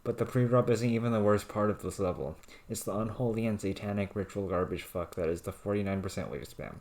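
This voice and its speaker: A man reading written rants aloud in a flat, deadpan monotone. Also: on the low side, a little fast.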